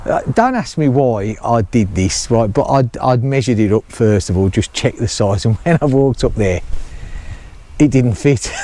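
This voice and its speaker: A man's voice: medium pitch, lively intonation, a little slow, dark tone. A middle-aged man chatting casually to camera outdoors, rambling and laughing often as he explains his building work. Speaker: vlogger building a chalet.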